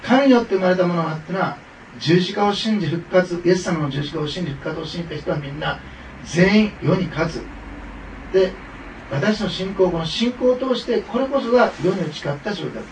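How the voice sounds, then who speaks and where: A man's voice: sits high, a little fast, a little hiss or hum. A man preaching a sermon to his congregation in a conversational way, with frequent fillers and asides. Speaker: pastor. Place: church hall. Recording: echoey hall, mic from far off.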